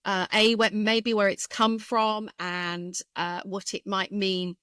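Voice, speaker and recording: A woman speech therapist, a guest in an interview, explaining carefully and thoughtfully with frequent pauses and fillers. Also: medium pitch, flat delivery, a bit bright, clean tone, no echo. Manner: thoughtful, hesitant with many fillers.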